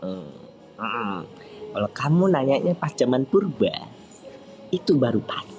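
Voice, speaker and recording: A man chatting casually on a live stream, answering viewer comments in a playful, teasing way with sudden high squeaky outbursts. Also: big pitch swings, a little slow, darkish tone, soft background music. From East Java, Indonesia.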